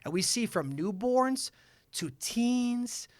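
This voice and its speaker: A man, a chiropractor, talking as a guest in a casual podcast chat, energetic and full of stories. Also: extremely high pitch, takes it slowly, no room sound. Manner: energetic storyteller.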